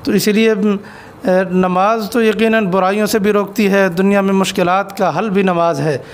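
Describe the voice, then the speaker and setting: A man's voice: high voice, fairly even intonation, normal speed, slight background noise. A man who is an Islamic cleric, answering an interview question with an earnest, exhortative sermon and stories.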